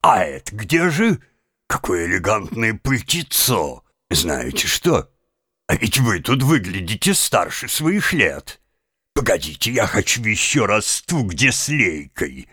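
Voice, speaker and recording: A man voicing a fussy, flattering prison director who exclaims over everything. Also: lowish voice, a little slow, husky, no room sound, clean studio sound, exaggerated voice. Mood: gushing.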